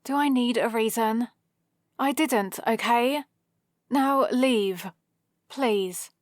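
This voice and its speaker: In an ASMR roleplay, a woman with a British accent and a fairly high voice plays a female supervillain. She speaks very slowly, hesitant and defensive, her soft exasperation revealing that she cares for the hero. The recording is dry, with no room sound.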